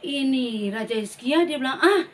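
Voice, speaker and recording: A woman, teaching a children's Bible lesson in an animated storytelling manner and talking straight to the kids. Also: medium pitch, unhurried, slight background noise. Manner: animated, addresses the children directly.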